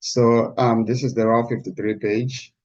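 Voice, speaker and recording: A man teaching a live online class, heard through a screen-recorded video call, talking in a halting way with many restarts. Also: medium pitch, flat delivery, a little mellow, muffled recording. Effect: screen-recorded video call audio. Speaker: instructor. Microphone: computer mic on a video call.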